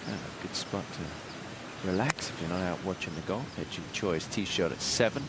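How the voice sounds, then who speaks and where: A man's voice: sits low, animated, normal speed, heavy background noise. A man anchoring live golf commentary, reporting scores and statistics as a broadcaster.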